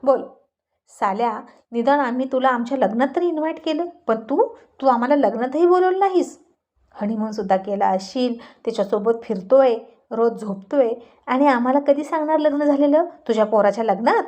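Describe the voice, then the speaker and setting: A group of rowdy young men, voiced by a woman narrator in a spoken storybook. They sound reproachful and loud, in a fairly high voice. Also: brisk, lightly acted. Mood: accusing. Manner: shouting together, reproachful. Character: group of young male friends, accusing and rowdy.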